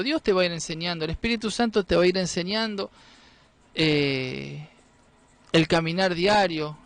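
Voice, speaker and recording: A man's voice: a little high, dry recording. A man with a Rioplatense Spanish accent gives an informal, conversational sermon, often asking "¿no?" and restarting his sentences. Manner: conversational, many fillers and tag questions. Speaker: preacher.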